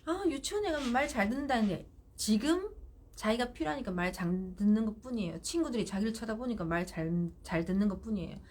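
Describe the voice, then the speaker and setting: A woman's voice: a little high, expressive, quick pace, darkish tone. Firm, direct woman giving parenting advice. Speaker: parenting counselor. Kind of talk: live parenting advice stream.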